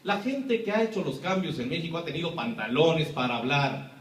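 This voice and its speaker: Mexican guy giving a fired-up talk, kinda high voice, far off the mic in a roomy hall. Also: expressive, a little fast. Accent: Mexican Spanish. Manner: emphatic, rhetorical questions, acts out quoted voices. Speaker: lecturer. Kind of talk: impassioned public talk. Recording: echoey room, speaker far from mic.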